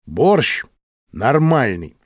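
A man's voice: mid-range voice, sing-song, extremely slow, dry recording, heavily acted. A male narrator voicing a wry, easygoing ship commander with a dry humor.

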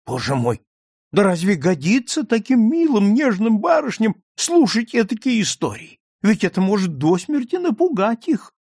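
A man voicing an excitable female cook who exclaims loudly and quickly. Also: breathy edge, no echo, studio quality. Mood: flustered. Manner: shrill, exclamatory.

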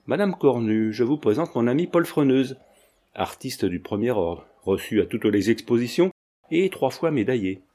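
A man's voice: medium pitch, animated, normal speed, mellow, lightly acted. A man reading the lines of a cheeky young art student in an audiobook, playful and teasing.

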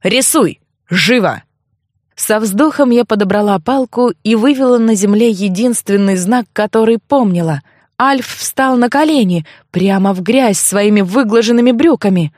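A woman narrating a first-person novel in an even, expressive storytelling voice. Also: fairly high pitch, moderate pace, no echo, studio quality. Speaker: audiobook narrator.

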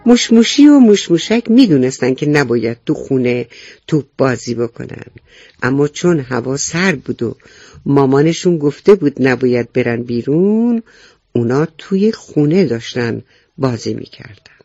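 A man narrating a children's story, animated and speaking directly to young listeners. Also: mid-range voice, dry recording, dull audio.

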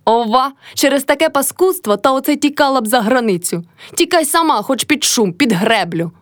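Defiant, hollering young village wife, voiced by a woman, high and sharp; dry reading. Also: animated, moderate pace, no echo. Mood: yelling. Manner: yelling, defiant. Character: fierce young peasant daughter-in-law, defiant.

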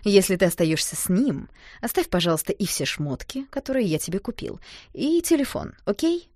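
A woman's voice: medium pitch, sing-song, normal speed, darkish tone, dry recording, clean studio sound. A woman reading the part of an arrogant, mocking young man in a storybook. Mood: smug. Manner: mocking, condescending.

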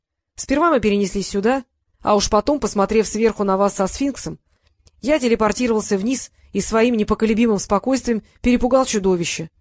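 A woman reading the part of a calm, unflappable old male wizard who lectures his pupil. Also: mid-range voice, brisk, dry recording, studio quality, close to an everyday voice. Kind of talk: audiobook character reading.

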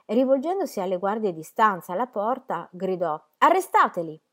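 Woman reading old letters out loud, measured and expressive, mid pitch. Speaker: reader. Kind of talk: reading historical letters aloud.

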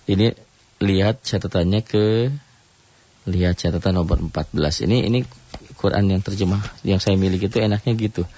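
A man with a low voice leads an informal religious lesson over the radio. He talks in a loose, conversational way and often stops to check in with the listener. The broadcast sounds dry and a little dull. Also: no echo. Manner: conversational, frequent "ya" and "gitu" tags, mimics loud worshippers in a high voice.

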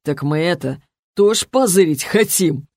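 A man voicing a drunken, hoarse male street thug who drags out his coarse, mocking taunts slowly and loudly, in an audiobook. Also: on the high side, animated, no echo, clean studio sound. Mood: jeering. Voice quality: hoarse, smoke-roughened. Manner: slow, loud, drawling taunts. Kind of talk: audiobook character voice.

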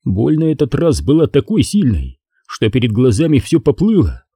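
Mellow, husky male audiobook narrator. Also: medium pitch, normal speed, dry recording, studio quality. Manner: expressive, tense storytelling. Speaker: audiobook reader.

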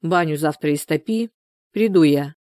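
A woman's voice: deep voice, normal speed, dark tone, dry recording, clean studio sound, natural voice. A woman voicing a weary village husband who speaks bluntly and lays down his terms.

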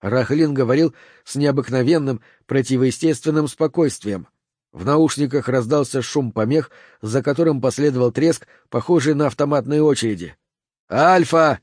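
Guy reading an audiobook, measured and tense, medium voice, dry close sound. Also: medium pitch, warm tone, no room sound. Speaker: audiobook narrator. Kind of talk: scripted narration.

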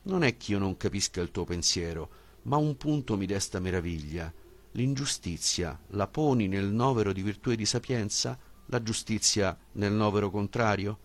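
A man reading a philosophical dialogue as an audiobook, with a measured, questioning delivery. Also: fairly low pitch, expressive. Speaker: audiobook reader.

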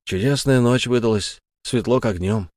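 A man's voice: medium pitch, moderate pace, a little mellow, no room sound, clean studio sound, lightly acted. A man voicing a good-natured, chatty market stallholder. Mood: genial. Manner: friendly, chatty. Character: genial, cheerful male stallholder.

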